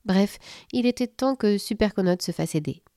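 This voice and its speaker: A woman narrating a children's story in a lively, playful storybook manner. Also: medium pitch, normal speed, dry recording, clean studio sound.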